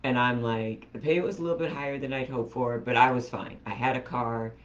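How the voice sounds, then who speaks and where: A woman telling a story on her vlog in a chatty, animated way, talking straight to her viewers. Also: extremely low pitch, brisk, muffled recording. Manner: chatty, animated retelling, addresses viewers directly. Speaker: vlogger.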